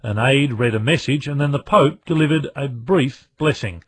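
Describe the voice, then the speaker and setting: Man presenting radio news. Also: mid-range voice. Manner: measured, formal newsreading.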